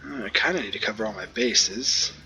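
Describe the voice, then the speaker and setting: A man with a bright, forceful voice gives let's play commentary as he plays. He talks in a chatty, joking way, with lots of ums and ohs. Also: on the low side, normal speed, a little hiss or hum. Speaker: gamer.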